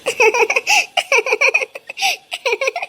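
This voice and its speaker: Brief: young actress as a sulky, tender village girlfriend; very high, bright, tearful. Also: moderate pace. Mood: shy, playful. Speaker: actor. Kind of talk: web series drama acting.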